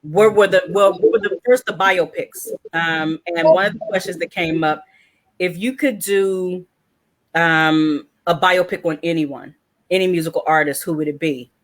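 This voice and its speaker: A woman's voice: lowish voice, normal speed. A woman from Washington, D.C. hosting a casual panel chat, telling stories and acting out the quotes in them. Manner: animated storyteller, acts out quotes. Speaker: host.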